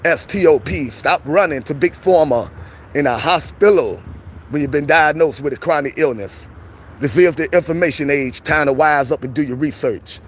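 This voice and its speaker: Hoarse upbeat man chatting on the street. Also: fairly high pitch, moderate pace, slight background noise. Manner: upbeat, warm greetings, slang. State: losing his voice. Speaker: street vlogger. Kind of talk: casual street chat. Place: outdoors on a city street.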